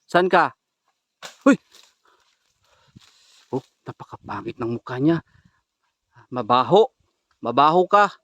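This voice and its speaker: A man filming a ghost-hunting vlog outdoors at night on a handheld camera, whispering tense commentary to viewers and now and then shouting at something unseen. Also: mid-range voice, expressive, takes it slowly, long pauses, no room sound. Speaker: ghost hunter vlogger.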